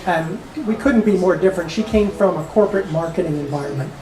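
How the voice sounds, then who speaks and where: A woman's voice: fairly low pitch, fast talker, warm tone, distant mic. A woman in her sixties, a coach, giving a casual talk with chatty, laughing asides while losing her voice. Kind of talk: casual talk to a small audience. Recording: echoey room with audience noise.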